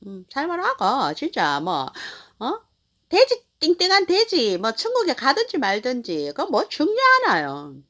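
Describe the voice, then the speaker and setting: Woman in her fifties, casual storytelling, lively swooping voice, rambling with fillers. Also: a little high, normal speed. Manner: animated, rambling with many fillers. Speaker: channel host.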